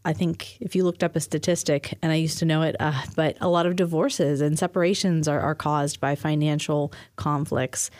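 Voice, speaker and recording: Woman, lowish voice, earnest, explanatory, casual conversation, dry close sound. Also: darkish tone, dry recording.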